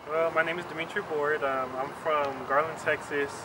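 A man's voice: fairly high pitch, steady tone, normal speed. A young man from Milwaukee, a student answering interview questions outdoors, hesitant with many fillers. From Milwaukee, Wisconsin. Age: young adult. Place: outdoors by a brick building. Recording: distant mic with traffic noise.

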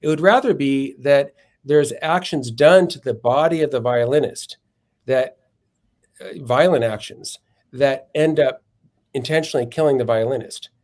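A man in a podcast interview lays out philosophical arguments in a measured, step-by-step way, often stopping to correct himself mid-phrase. His voice sits at an ordinary middle pitch. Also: a little mellow. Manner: measured, methodical, frequent self-corrections. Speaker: philosophy professor guest.

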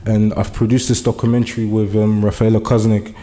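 With a warm, fairly low voice that stays level and runs a little fast, a young German man speaks earnestly as a community speaker in a meeting room. He begins hesitantly, full of fillers, and gradually works up to urgent appeals.

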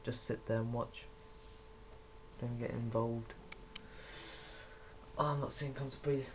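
A man's voice: medium pitch, fairly even intonation, measured pace, a little hiss or hum. A young man giving rambling, casual commentary while playing a video game, swearing when things go wrong. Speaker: gaming YouTuber.

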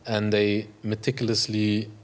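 A Belgian man in his forties with a Flemish accent and Dutch as his first language, giving an artist talk in a gallery room on a lapel mic, halting with many fillers and restarts. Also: on the low side, monotone.

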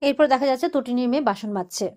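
A woman's voice: high-pitched, fast talker, darkish tone. A woman recapping a TV serial episode in a casual way, retelling the dialogue with constant "she says" tags.

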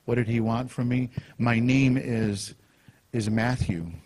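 Husky-voiced man preaching conversationally. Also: mid-range voice, steady tone, unhurried, darkish tone. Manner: anecdotal, conversational with acted-out quotes. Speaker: conference speaker. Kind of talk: sermon storytelling. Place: conference hall.

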